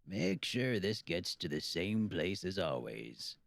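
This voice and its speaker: A man doing a weary old shopkeeper with a slow drawl. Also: low voice, very animated, creaky, no echo, full character voice. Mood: gruff, weary. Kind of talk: audiobook character voice.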